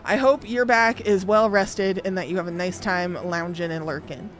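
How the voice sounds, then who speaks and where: A woman's voice: fairly low pitch, fairly even intonation, moderate pace. A woman livestreaming a game, chatting casually in a bubbly, playful, rambling way. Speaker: game streamer. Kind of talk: casual livestream chat while gaming. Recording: music behind the voice. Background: music.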